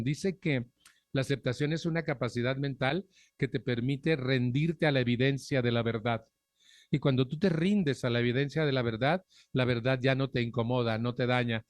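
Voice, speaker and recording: A man's voice: medium pitch, dry recording. Blunt middle-aged Mexican man testifying. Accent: Mexican Spanish. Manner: frank and earthy, with blunt profanity and direct questions to the audience. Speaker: speaker at a recovery group anniversary. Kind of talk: personal testimony talk to an audience. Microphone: microphone on a stand.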